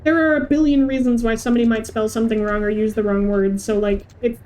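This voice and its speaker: Here a non-native English-speaking woman livestreams gameplay, talking quickly and casually as she comments. Her pitch is fairly high, her intonation fairly even, her tone on the dark side. There's a faint hiss of background noise.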